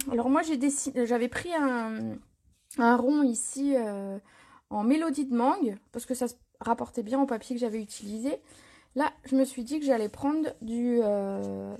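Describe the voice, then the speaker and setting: A woman hosting a live craft tutorial, chatting casually, answering viewer comments and filling pauses with little words as she works. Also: a little high, warm tone. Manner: chatty, reads viewer comments aloud, frequent fillers. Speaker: crafting demonstrator. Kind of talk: live stream tutorial chat.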